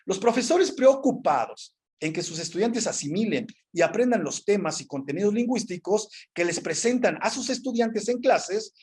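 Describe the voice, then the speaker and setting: A man with a high, husky voice presents academic findings on how language is taught. He works through them methodically, item by item, with lots of fillers and restarts.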